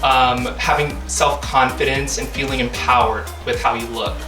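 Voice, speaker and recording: A woman's voice: extremely low pitch, steady tone, normal speed. A woman chatting casually about red carpet memories as a remote correspondent. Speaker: remote correspondent, digital director. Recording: echoey, distant remote link, music behind. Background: clear music.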